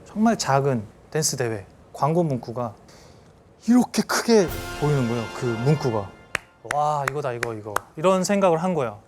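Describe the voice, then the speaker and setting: A man in his thirties giving a storytelling lecture to an audience, lively and acting out scenes with sound effects. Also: fairly high pitch, normal speed, music in the background. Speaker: celebrity lecturer.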